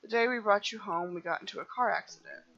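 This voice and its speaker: A woman's voice: medium pitch, fast talker, a bit bright, highs cut off. A woman playing a dating game, reading the dialogue aloud playfully and laughing at her own jokes.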